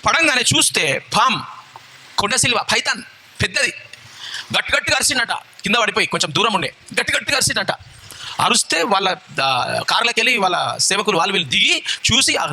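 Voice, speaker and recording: A man delivers a sermon in a high, sharply bright voice and keeps up a rapid pace. He throws rhetorical questions at the congregation and gently coaxes helpers through a live demonstration. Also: a little hiss or hum. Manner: coaxing, instructs helpers step by step. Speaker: bishop preaching.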